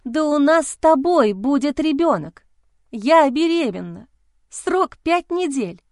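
Anxious young heroine, woman reading her, high urgent voice, dry sound. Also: lively intonation, measured pace, dry recording. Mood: worried. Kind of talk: audiobook character voice.

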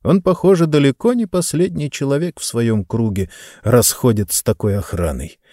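A man narrating an audiobook with an expressive reading. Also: medium pitch, moderate pace, dry recording, clean studio sound. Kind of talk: scripted narration.

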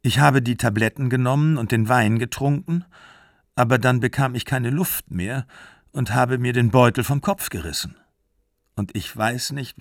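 A distraught young mother pours out her fear in an earnest, pleading way, voiced by a male audiobook reader. The voice is gravelly and sits close in a dry, deadened sound. It keeps a steady, literary reading pace. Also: mid-range voice, no room sound.

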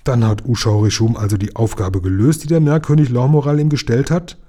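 A man reading a children's story aloud, voicing a gruff but kindly train driver who grumbles warmly. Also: medium pitch, fairly even intonation, a little fast, close to an everyday voice.

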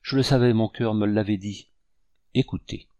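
Un homme qui prête sa voix à une jeune femme ardente et émotive, dans un livre audio. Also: male voice, fairly low pitch, fairly even intonation, moderate pace, darkish tone, no room sound, lo-fi sound, lightly acted. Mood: fervent. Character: young woman, eager, emotional, noble-hearted.

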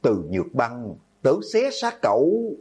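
A man voicing a hot-headed teenage schoolboy who yells and curses at his classmates, in a horror audiobook. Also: mid-range voice, very animated, normal speed, breathy edge. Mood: furious. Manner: yelling, cursing.

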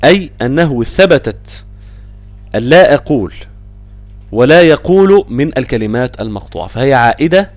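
Egyptian male Quran teacher, patient, repeats words, lively intonation, dry close mic. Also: mid-range voice, no echo, faint music behind. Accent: Egyptian Arabic. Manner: explains patiently, repeats words slowly, checks students. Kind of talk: online tajweed lesson.

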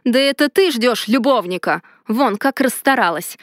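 A woman's voice: a little high, expressive, moderate pace, dry recording, clean studio sound, lightly acted. A woman voicing a cold, indignant male mage in a read-aloud story, barely changing her own voice. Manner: icy, indignant.

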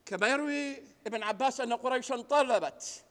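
A man preaching a Friday sermon, swinging from hushed tones to loud outbursts. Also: very high-pitched, fairly quick, big-room sound. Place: mosque.

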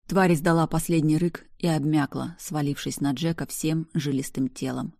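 A woman's voice: deep voice, steady tone, normal speed, gravelly, dark tone, no room sound, studio quality. A woman narrating a first-person story in an intense, dramatic reading.

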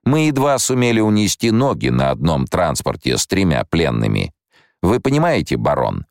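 A man voicing a stern, imperious emperor in an audiobook, speaking slowly and with command. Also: low voice, dry recording, studio quality, voice pushed up. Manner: measured, commanding, slow. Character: stern imperious male emperor, cold and cutting.

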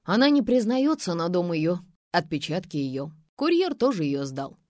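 A woman reading an audiobook, voicing a smug, bossy male police officer who speaks loudly and condescendingly. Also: lowish voice, very animated, normal speed, dry recording, studio quality.

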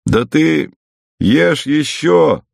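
A sharp-tongued old village woman, as a male reader puts her on, coaxing one moment and scolding the next. The voice climbs well above the reader's own, with a gravelly edge and a dry, close sound. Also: a little high, sing-song, very slow, dry recording, voice pushed up, full character voice. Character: older peasant woman, kindly but scolding.

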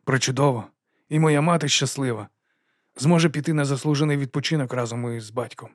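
Quietly confident young monk, even and measured, in the male reader's own voice. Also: medium pitch, no room sound, clean studio sound, lightly acted. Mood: calm.

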